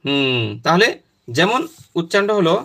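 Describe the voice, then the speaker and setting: A man teaching a step-by-step pronunciation lesson, repeating each sound slowly and often. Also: on the high side, expressive, pushed and bright.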